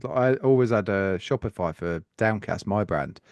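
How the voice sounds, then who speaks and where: A man's voice: lowish voice, animated, moderate pace, a little mellow, dry recording. A British man hosting a casual podcast, blunt, sweary and teasing. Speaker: podcast host.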